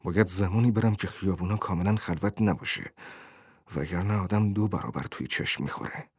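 A nervous, hunted man muttering his fears to himself, as a male narrator voices him. The voice sits low and turns quiet and tense as he worries. The sound is dry and close. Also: no room sound, natural voice. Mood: anxious.

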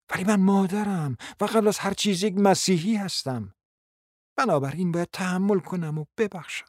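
A man's voice: sits high, no room sound, studio quality. A man playing a proud, scheming middle-aged mother who pleads insistently and at length, acted as a radio drama. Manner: pleading, insistent and long-winded.

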